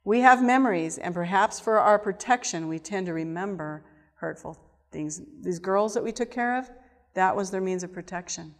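A woman giving a sermon-style teaching to a group, animated, moving between hushed and emphatic delivery. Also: mid-range voice, moderate pace. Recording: long reverb of a hall.

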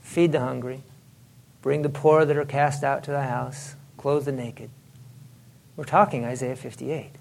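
A man giving an informal religious history lecture, animated and chatty, often laughing and saying "it's like" and "you know". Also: medium pitch, measured pace, gravelly.

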